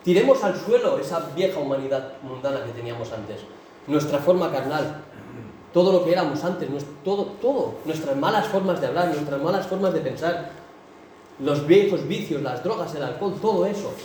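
A man's voice: a little high, animated, moderate pace, a little mellow, a little hiss or hum. A man preaching a sermon with impassioned, emphatic delivery. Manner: impassioned, rising to emphatic bursts. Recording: echoey hall, mic from a distance.

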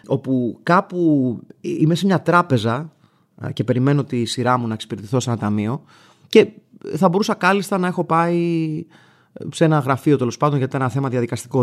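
A man in his thirties from Greece, hosting a show and telling an everyday story in a wry, animated way, acting out the other people's lines. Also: mid-range voice. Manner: wry, animated, acts out dialogue in a raised voice. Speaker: radio show host. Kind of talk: casual storytelling monologue.

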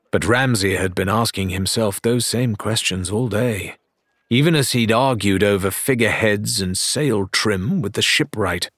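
A man reading a story aloud as narrator, in measured storytelling delivery. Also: fairly low pitch, fairly bright tone, husky, no echo, clean studio sound. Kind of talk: scripted audiobook narration.

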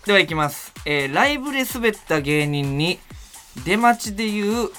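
A man with a Kansai accent hosting a comedy variety segment in a relaxed, chuckling way. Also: high-pitched, moderate pace, soft background music. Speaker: host.

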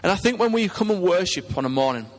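High-voiced Teesside preacher in a reverberant hall. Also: male voice, lively intonation, fast. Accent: Teesside English. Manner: earnest, rhetorical questions to congregation. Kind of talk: conversational sermon.

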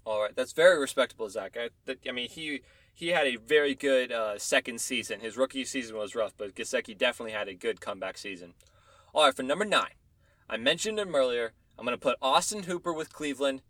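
A man's voice: mid-range voice, quick pace, a bit bright, no room sound. A man hosting a casual fantasy football talk, counting down his top ten picks and backing them with opinions and stats. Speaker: fantasy football podcast host.

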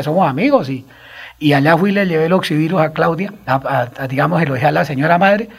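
Agitated, gravelly Colombian man rambling. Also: on the high side. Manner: rambling, repeating himself, agitated storytelling. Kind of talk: radio talk show conversation.

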